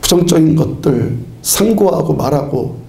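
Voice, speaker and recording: A man preaching from the pulpit with a high, gravelly voice that rings through an echoey church sanctuary. He presses his points with firm, commanding exhortations and often laughs as he speaks. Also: expressive, moderate pace, darkish tone. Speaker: pastor. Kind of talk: sermon.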